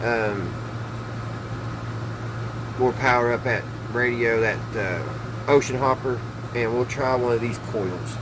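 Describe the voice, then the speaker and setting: There's a noisy background as this middle-aged radio repair hobbyist host speaks slowly in a medium-pitched voice, pausing often. He chats and thinks aloud in a folksy, hesitant manner while tinkering hands-on inside his small wood-panelled workshop.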